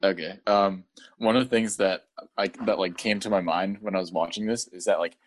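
A man's voice: low-pitched, fairly quick. Laughing young man in casual chat. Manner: laughing, animated retellings of scenes. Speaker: podcast co-host. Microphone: audio-only podcast mic.

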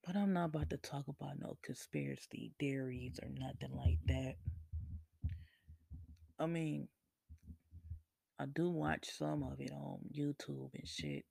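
A man hosting a podcast, chatting casually and laid-back, swearing freely and laughing often, with a gravelly, husky voice. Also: medium pitch, steady tone, unhurried, long pauses, mellow, dry recording. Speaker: podcast host. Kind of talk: casual solo chat.

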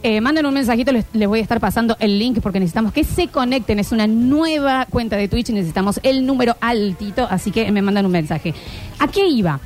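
A woman in her thirties with an Argentine accent, hosting a casual chat and telling stories in an animated way with many filler sounds. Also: on the high side, fast, soft background music. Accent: Argentine Spanish. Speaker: streaming show host.

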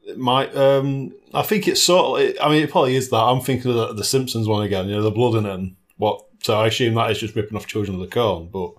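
This man talks fast, with hardly any pauses, in a steady, mid-range voice. As one half of a two-person film and game discussion, he chats casually and rambles somewhat while groping for words.

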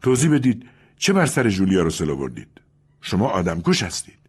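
A man's voice: deep voice, huge pitch swings, darkish tone, breathy edge, heavily acted. A man voicing a wronged rich man in an audiobook, stern and accusing. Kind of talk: audiobook character reading.

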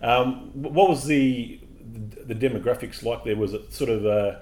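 A man's voice: mid-range voice, normal speed, a little mellow. A man hosting a podcast, asking casual questions in an easygoing way with some fillers. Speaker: podcast host. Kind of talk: casual interview.

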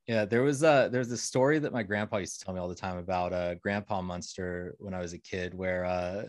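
A man hosts a relaxed podcast interview, chatting and asking questions with frequent fillers. His voice sits a little low, and the sound is dry and close. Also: brisk, no echo. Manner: chatty, hesitant with fillers, laughs easily. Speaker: podcast host.

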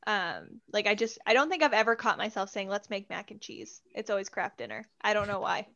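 A woman's voice: mid-range voice, fairly quick, fairly bright tone. A woman from Canada with a Canadian accent, chatting casually and laughing often. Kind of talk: casual chat. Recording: slightly dull lo-fi sound.

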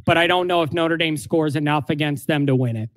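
A man co-hosting a casual sports podcast, talking in quick, nervous bursts about the game. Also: a little high. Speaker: podcast co-host.

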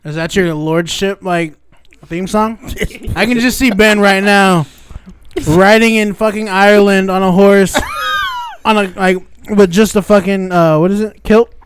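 A man's voice: high-pitched, sing-song, measured pace, a little hiss or hum. A man in a casual podcast chat, teasing the others with giggly banter.

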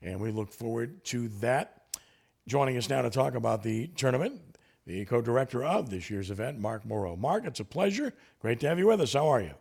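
A man's voice: mid-range voice, big pitch swings, a little fast, gravelly, a little mellow, breathy edge. A man hosting a sports talk radio show.

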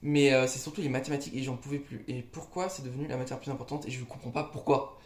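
A young man talks quickly and informally, full of slang, as in a podcast between friends. His voice sits at a medium pitch in a room with strong echo. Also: steady tone. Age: young adult. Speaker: co-host. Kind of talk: casual conversational podcast chat. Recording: echoey room.

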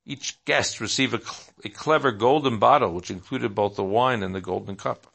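A man reading a story aloud at a steady pace, with small slips and restarts. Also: on the low side, normal speed, gravelly, breathy edge.

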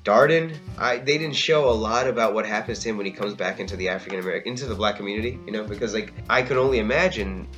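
A man's voice: fairly low pitch, fast talker, few pauses, fairly bright tone, faint music behind. A man casually chatting as a podcast co-host, rambling and often asking "you know what I mean". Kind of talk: casual chat reviewing a TV drama.

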